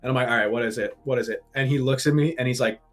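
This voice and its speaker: A young man in his twenties co-hosting a casual podcast, telling an animated story and swearing freely. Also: medium pitch, very fast, soft background music. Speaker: podcast co-host.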